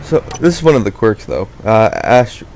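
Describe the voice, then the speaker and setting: A man's voice: lowish voice, sing-song, moderate pace, a little mellow, slight background noise. A young man giving casual, rambling gameplay commentary, often correcting himself mid-sentence. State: out of breath.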